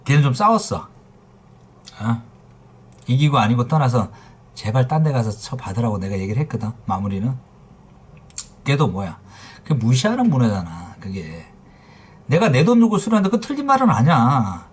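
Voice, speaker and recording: Husky middle-aged man ranting bluntly. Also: mid-range voice, big pitch swings, moderate pace, long pauses. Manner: blunt, profane, heated storytelling. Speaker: phone repair shop owner streaming live. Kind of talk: casual livestream rant.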